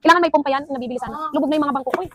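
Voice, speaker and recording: High-voiced woman chattering through an unboxing. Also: racing, sharp tone, slight background noise. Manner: exclaims often, thinks aloud with fillers. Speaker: vlogger unboxing a gift package. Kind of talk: casual chatty unboxing vlog.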